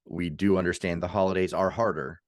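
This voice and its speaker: A man's voice: low-pitched, steady tone, brisk, no echo, studio quality. A man co-hosting a casual podcast chat, rambling off on tangents and laughing often. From United States. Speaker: podcast co-host.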